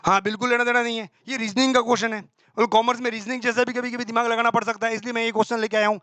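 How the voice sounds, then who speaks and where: A male teacher running a quick exam-prep accounting class, quizzing himself aloud and answering in a student's voice, with homely examples. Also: extremely high pitch, flat delivery, bright, forceful tone, no room sound. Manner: brisk and colloquial, with homely examples.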